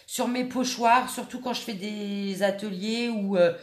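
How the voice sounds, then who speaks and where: A woman's voice: medium pitch, unhurried, reverberant. A woman hosting a scrapbooking tutorial, talking casually and hesitantly with many fillers while she works at her craft table. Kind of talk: casual step-by-step craft demonstration.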